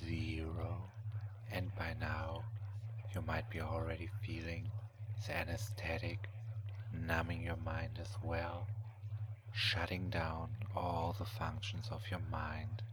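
A man with a low voice whispers a hypnotic relaxation in a slow, soothing countdown manner. His delivery is hushed, breathy and repetitive, staying extremely flat in pitch. There is clear noise in the recording. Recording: clearly audible background noise.

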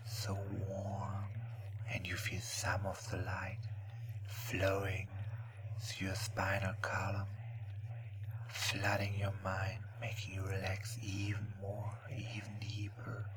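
A man speaking as a slow, soothing hypnotist in a hushed, breathy voice, guiding relaxation with long pauses. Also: low-pitched, background noise. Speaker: hypnosis recording narrator. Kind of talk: guided relaxation hypnosis narration.

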